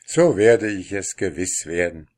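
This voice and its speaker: A man's voice: low voice, lively intonation, a little slow, darkish tone. A man reading a fairy tale aloud, voicing a cheerful, polite young man. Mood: contented.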